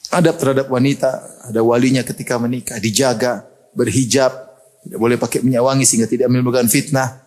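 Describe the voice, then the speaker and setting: A middle-aged man from Indonesia preaching a sermon, animated and joking and often laughing. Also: medium pitch, quick pace.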